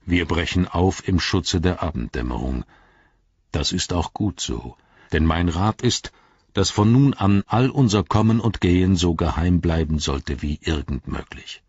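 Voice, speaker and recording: A man voicing an ancient, wise wizard who speaks in a grave, measured, riddling way in an audiobook reading. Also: deep voice, a little mellow, breathy edge, dry recording, lo-fi sound, heavily acted. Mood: solemn.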